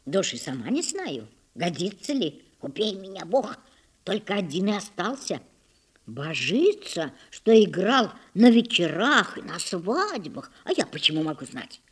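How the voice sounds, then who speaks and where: A woman voicing a frightened young housemaid who talks in a hurried whisper. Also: lowish voice, big pitch swings, breathy edge, heavily acted. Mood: anxious.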